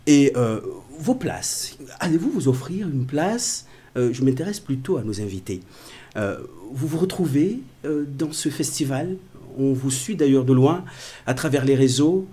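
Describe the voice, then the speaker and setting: A man's voice: medium pitch, expressive, measured pace, mellow, husky. A man hosting a radio interview, formal and full of hesitations. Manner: frequent hesitations, formal address. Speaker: radio host.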